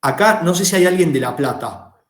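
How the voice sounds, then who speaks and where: A man's voice: fairly high pitch, expressive, fairly quick, fairly bright tone, reverberant. A man with an Argentine Rioplatense accent teaching a law class, explaining concepts and asking the students questions. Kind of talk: lecturing a class.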